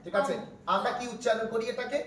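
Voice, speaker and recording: A man with a Bangladeshi accent teaches a classroom grammar lesson, patiently questioning his class and repeating his points. He talks fast in a very high, somewhat bright voice, recorded from far off in an echoey room with faint noise.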